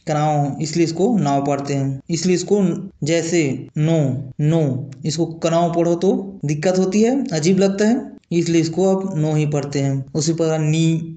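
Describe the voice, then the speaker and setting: A male English teacher talks through a lesson in a patient, repetitive classroom way, often checking that his listeners follow. His voice sits a little high and has a mellow, soft tone. The room is echoey. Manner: patient, repetitive explaining, checks understanding with tag questions. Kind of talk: classroom-style lesson explaining pronunciation.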